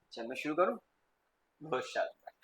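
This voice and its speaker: A man teaching physics in a classroom, quizzing students with quick repeated questions and mixing English terms into his explanations. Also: on the high side, big pitch swings, fairly bright tone, slight background noise, rough recording. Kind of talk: classroom lecture.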